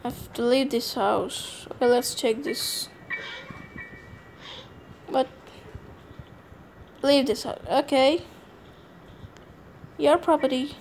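A woman with a high voice plays as a scared horror game streamer. She comments casually at a slow pace, jumpy and prone to exclaiming and swearing. The recording has clear background noise. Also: a little mellow. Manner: freely swearing. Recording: clearly noisy home gameplay recording.

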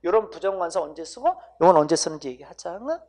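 An English grammar teacher with a medium-pitched, darkish voice delivers an exam-prep lecture, talking fast and animatedly in casual banmal. She coaxes students to repeat sounds and keeps checking in with "right?".

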